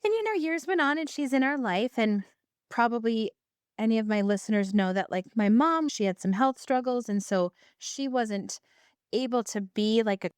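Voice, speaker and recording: Woman, middle-aged, podcast host, asks questions, quick reactions, fairly high voice. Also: lively intonation, clean tone, no room sound, clean studio sound. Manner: warm, prompting questions, brief reactions. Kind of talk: casual interview conversation.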